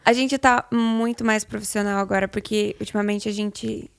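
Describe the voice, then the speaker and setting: Woman, Brazilian, hoarse grating cracked voice, gravelly creak, casual podcast chat, dry close sound. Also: mid-range voice, fairly even intonation, moderate pace, no echo. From southern Brazil. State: hoarse, voice failing. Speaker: podcast co-host.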